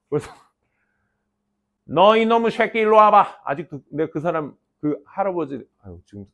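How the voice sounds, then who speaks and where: A middle-aged man teaching an English class, talking to students in a lively, playful storytelling way. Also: medium pitch, lo-fi sound. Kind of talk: lecture to students.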